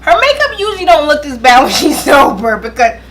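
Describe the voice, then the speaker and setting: A woman's voice: high-pitched, big pitch swings, fairly quick, a bit bright, slight background noise. A giggly drunk woman bantering casually as a vlog host, sassy, teasing and emphatic. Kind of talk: casual banter while doing makeup.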